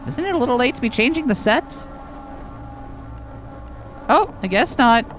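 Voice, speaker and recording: A woman's voice: on the high side, expressive, moderate pace, a little hiss or hum, lightly acted. A woman voicing an anxious, sweary, sarcastic young heroine while reading a video game aloud. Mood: sarcastic, wary.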